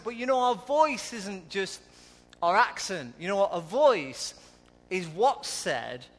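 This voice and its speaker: Lancashire male preacher, conversational, high and forceful, live in a reverberant church. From Lancashire, England. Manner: conversational, asks the audience questions. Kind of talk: live sermon. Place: church hall.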